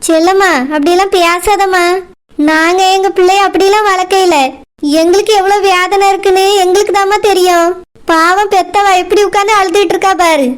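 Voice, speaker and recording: A woman's voice: very high-pitched, flat delivery, brisk. A woman voicing an anxious middle-aged village mother in a cartoon, with a Kanyakumari Tamil accent and a pleading, soothing way of talking. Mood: hurt. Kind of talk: cartoon voice acting.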